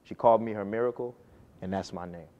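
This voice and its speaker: This early-twenties man addresses a crowd with a personal story, earnest and emphatic, letting his pitch climb and drop for effect. He talks fast in a fairly low voice, and the recording sounds muffled, as if captured in a big room.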